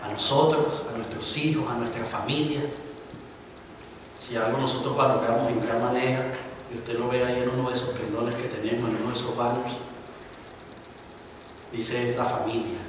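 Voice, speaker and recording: A man's voice: medium pitch, little pitch movement, moderate pace, pauses often, background noise. Man preaching in an echoey church. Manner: preaches with rising emphatic bursts and quiet asides. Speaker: pastor. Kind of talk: sermon. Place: church hall. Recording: roomy, reverberant church recording from a distance.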